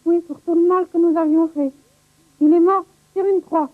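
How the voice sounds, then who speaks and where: A woman's voice: very high-pitched, fairly even intonation, moderate pace, no room sound, phone-quality sound. A woman voicing a naive, curious little puppet creature in a children's religious show, on thin tape audio.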